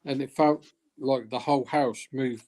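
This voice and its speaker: A man's voice: medium pitch, fairly even intonation, a little slow, darkish tone. A man on a casual group chat show, reacting and telling a personal story.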